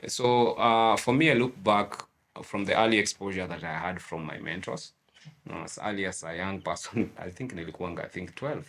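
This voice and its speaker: Deep-voiced Kenyan man. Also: brisk, a bit bright. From Kenya, Nairobi. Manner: mixes English and Swahili slang, reflective. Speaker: guest entrepreneur. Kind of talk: casual interview talk.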